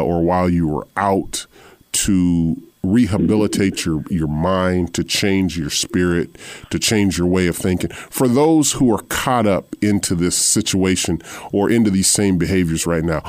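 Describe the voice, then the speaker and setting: A man hosting a radio interview, asking earnest, measured questions with frequent "uh" fillers. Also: low voice, darkish tone, dry recording. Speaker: radio show host.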